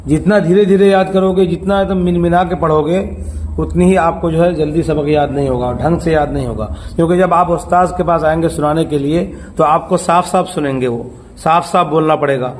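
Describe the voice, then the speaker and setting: A man with a somewhat high voice teaches children how to pronounce letters for Quran reading. He drills patiently and repeats himself, often stopping to quiz the pupils with quick questions. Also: a little hiss or hum.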